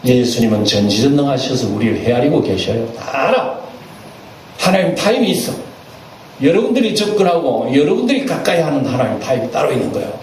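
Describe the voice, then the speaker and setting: A man, preaching a sermon as senior pastor. He talks in a lively way, asks the congregation questions and acts out little asides. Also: medium pitch, brisk. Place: church sanctuary. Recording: echoey church hall, picked up from a distance, faint room noise.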